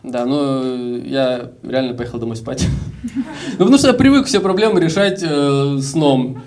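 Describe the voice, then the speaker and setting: A man's voice: mid-range voice, unhurried, darkish tone, far from the mic. A young Russian man in his twenties telling stories casually in a stand-up comedy set, acting out the voices of other people. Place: live comedy show with audience.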